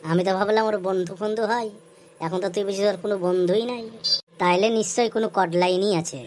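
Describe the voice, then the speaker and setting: A woman's voice: mid-range voice, steady tone, fast, noisy background, lightly acted. A woman playing a gossiping male friend. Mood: gossipy.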